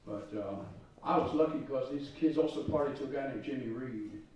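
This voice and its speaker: Mellow-voiced man, dull echoey far-off sound. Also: medium pitch, fairly quick, a little hiss or hum. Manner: relaxed, rambling storytelling with fillers. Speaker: guitarist presenting to students. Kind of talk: spoken school presentation.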